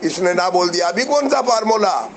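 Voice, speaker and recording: A man's voice: high voice, animated, moderate pace, a little hiss or hum, rough recording. A middle-aged man, delivering a combative, mocking commentary rant to investors. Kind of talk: heated video commentary.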